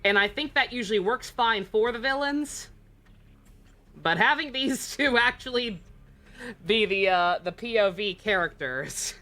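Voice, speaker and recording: A woman's voice: a little high, expressive, a little slow, pushed and bright. A woman giving casual, sardonic, joking commentary while streaming a video game.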